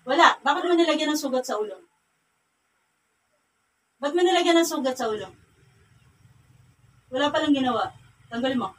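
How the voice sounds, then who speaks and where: Speaking at a moderate pace with long pauses, this female faith healer has a high-sitting voice, lively intonation, and a Filipino Cagayan Valley accent. She interrogates and scolds sternly and repetitively in a healing ritual, picked up by a distant mic amid faint ambient noise.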